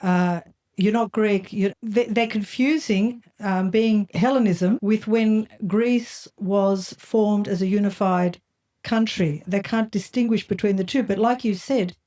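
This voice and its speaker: A woman's voice: mid-range voice, steady tone, measured pace, warm tone. A woman hosting a conversational podcast, probing and summing up points as she goes. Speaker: podcast host.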